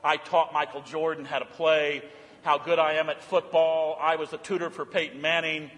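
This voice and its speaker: Older man, pastor, sermon, slightly high voice, loud then hushed, long church reverb. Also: flat delivery, moderate pace. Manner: preaching with swings between loud proclaiming and hushed earnest asides. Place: church sanctuary.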